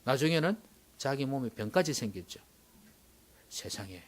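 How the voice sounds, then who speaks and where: A male pastor preaching a sermon, swinging dramatically from loud exclamations to hushed whispers. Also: medium pitch, expressive, moderate pace.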